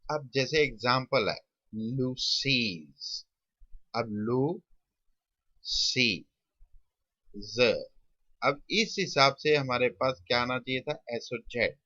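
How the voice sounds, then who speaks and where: A man, teaching a shorthand lesson. He drags out sounds slowly and mixes English terms into his teaching. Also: mid-range voice, bright, forceful tone, no room sound, lo-fi sound. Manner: slow, stretched-out sounding of words, mixing English terms. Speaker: shorthand tutor. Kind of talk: classroom lesson.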